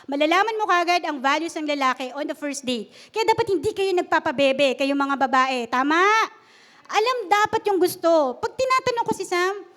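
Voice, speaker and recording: A woman's voice: very high voice, animated, normal speed, fairly bright tone. A woman preacher giving a humorous, conversational sermon at a church service and often asking the congregation questions.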